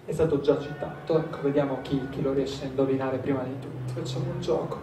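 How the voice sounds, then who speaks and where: A man's voice: medium pitch, steady tone, quick pace, music in the background. A man presenting a literary event, talking conversationally and addressing the audience directly. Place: event hall. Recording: echoey hall, distant mic, faint noise.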